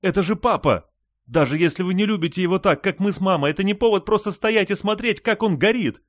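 A man's voice: high-pitched, fast, no room sound, clean studio sound, voice pushed up, close to an everyday voice. A man voicing a panicked woman in an audiobook, pleading shrilly and frantically. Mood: frantic.

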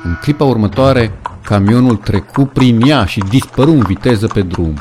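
A man's voice: medium pitch, noisy background. A man reading a novel aloud as an audiobook narrator, with dramatic storytelling. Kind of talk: scripted narration.

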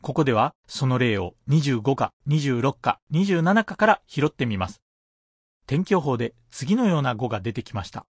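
A man's voice: medium pitch, very animated, normal speed, breathy edge, no echo. A man teaching a radio language lesson, patiently explaining pronunciation point by point.

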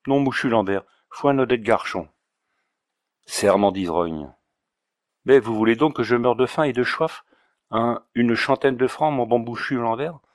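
A man voicing a coarse, drunken male water carrier from Auvergne who lisps his s-sounds as 'ch' and pleads slowly in an audiobook reading. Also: medium pitch, dry recording, clean studio sound, natural voice. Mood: pleading. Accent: Auvergnat slur, 'ch' for 's'. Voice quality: slurred lisping 's' as 'ch'. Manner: slow, whiny and pleading.

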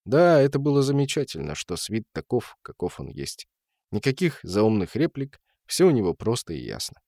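Man, audiobook narrator, measured storytelling, dry close sound. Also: fairly low pitch, very animated, warm tone, no echo. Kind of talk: audiobook reading.

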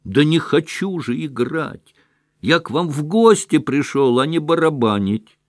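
A fidgety man protests in a raised, whiny voice, as a man plays him in a storybook reading. The line jumps about with lively pitch. The sound is dry and close. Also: unhurried, dry recording. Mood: protesting.

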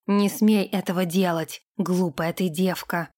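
Woman doing a low, gruff young man. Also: fairly even intonation, unhurried, a little mellow, natural voice. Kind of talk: audiobook character voice.

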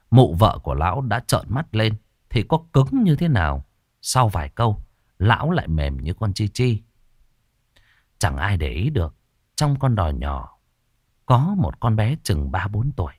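A man narrating a ghost story in a dramatic, expressive way. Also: on the low side, dry recording, clean studio sound. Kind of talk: scripted horror narration.

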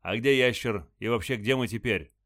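A man's voice: mid-range voice, normal speed, fairly bright tone, no echo, studio quality, close to an everyday voice. A man voicing a dazed, wary young space pilot who talks bluntly.

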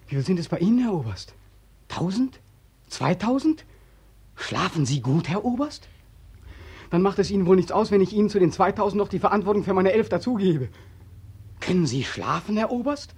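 An actor playing a bitter, sleepless young soldier back from war, in 1940s radio drama style, speaking intensely and accusingly with a husky voice. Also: male voice, high voice, heavily acted. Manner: intense, accusing, swings from hushed to loud. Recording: old radio drama recording.

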